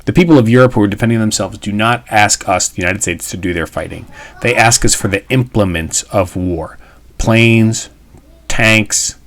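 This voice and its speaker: A man teaching history reads from a text and breaks it down in an emphatic, informal way. His voice is lowish and a bit bright, and he keeps a moderate pace.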